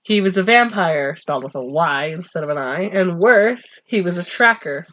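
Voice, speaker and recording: A woman's voice: lowish voice, expressive, normal speed, fairly bright tone, muffled recording. Woman reading a novel aloud. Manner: reads aloud in a breezy way, breaks into laughter. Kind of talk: casual reading and chat.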